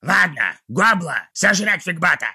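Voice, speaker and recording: A cruel, scheming goblin warlord. His voice sits high and shrill, with a tense, cutting edge and a gravelly, raspy grain. He barks and rants his orders. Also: very animated, measured pace, sharp tone, exaggerated voice. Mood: irritated. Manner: barking, ranting orders.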